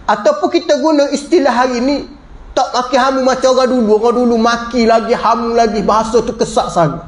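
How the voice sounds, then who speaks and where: A man gives a religious lecture in a chatty, conversational way. His voice sits very high, and he often drops it low to stress a point. The room around him is noticeably echoey. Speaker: religious teacher.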